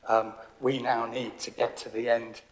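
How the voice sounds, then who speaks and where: A man's voice: medium pitch, little pitch movement, normal speed, poor audio. A man speaking as a councillor in a council chamber, hesitant and full of fillers. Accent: English. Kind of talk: formal council chamber speech.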